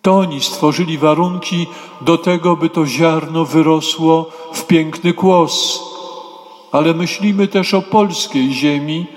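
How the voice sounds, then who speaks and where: A man delivers a sermon in a slightly high voice, unhurried and solemn, breaking his sentences into short measured phrases that now and then drift into a half-sung chant. His words hang in the long reverb of a church. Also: steady tone, faint music behind. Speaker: preacher.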